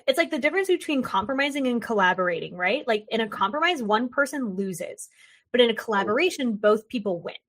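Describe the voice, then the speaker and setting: A young woman hosting a podcast, chatty and animated, drifting into tangents and acting out quick voices. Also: fairly high pitch. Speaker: podcast host. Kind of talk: casual podcast conversation.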